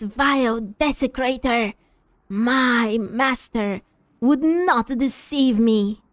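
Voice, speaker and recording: A woman voicing an unhinged, zealous villain from a video game, speaking in a grandiose, menacing, drawn-out way. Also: fairly high pitch, no echo. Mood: outraged, fanatical. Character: unhinged zealous villain servant of a dark master. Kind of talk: video game dialogue read aloud.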